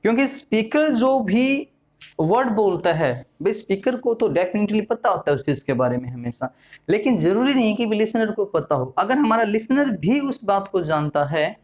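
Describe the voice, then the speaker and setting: A man's voice: high-pitched, very animated, normal speed. A man from India, teaching a lesson and often repeating key words and putting questions to his viewers. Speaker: English teacher. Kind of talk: classroom-style lesson explanation.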